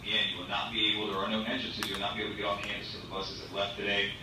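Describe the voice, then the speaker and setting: Low man's voice over a school intercom. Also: completely flat delivery, distant mic. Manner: measured, repeats key instructions. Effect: school intercom loudspeaker. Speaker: school administrator making announcements. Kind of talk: public address announcement. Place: heard in a classroom through a wall loudspeaker. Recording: booming echo from a ceiling speaker, noisy classroom.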